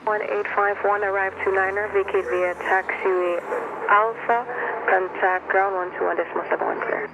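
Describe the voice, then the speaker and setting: A man working as an air traffic controller, giving rapid, clipped instructions over a radio transmission heard through a headset. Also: high-pitched, level tone, vocal fry. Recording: lo-fi radio with static hiss.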